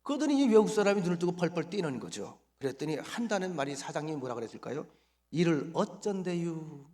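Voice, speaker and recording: A man's voice: a little high, very animated, fast, a little mellow. A man preaching a Sunday sermon as pastor, quizzing the congregation and having them repeat phrases.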